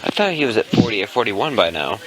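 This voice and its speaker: A man's voice: on the low side, music in the background, low-quality recording. A man co-hosting a casual podcast, steering the chat and arguing back with blunt, profane remarks. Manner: animated, profane, quick to argue back. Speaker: podcast co-host steering the segments.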